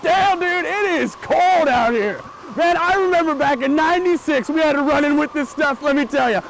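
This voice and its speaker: Slacker dude field reporter for parody news: excitable, shouty, extremely high, outdoor noise behind. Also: male voice, moderate pace, rough recording. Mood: hyped.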